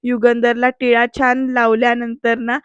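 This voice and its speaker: A woman's voice: fairly high pitch, completely flat delivery, moderate pace, clean tone, no room sound, highs cut off. A woman narrating a chatty recap of a TV serial episode, repeatedly addressing her viewers. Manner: keeps addressing viewers, conversational storytelling.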